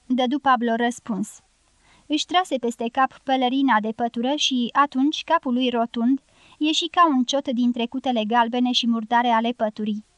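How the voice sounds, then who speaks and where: A woman's voice: on the high side, no room sound. A woman narrating an audiobook novel, reading every character's dialogue in her own voice.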